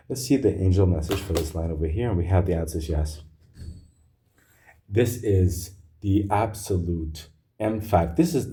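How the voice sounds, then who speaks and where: A man's voice: low-pitched, mellow. A man giving an emphatic tarot card reading, repeating himself and checking in with "okay?" as he goes. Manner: emphatic, repetitive, keeps adding "okay?". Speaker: tarot reader.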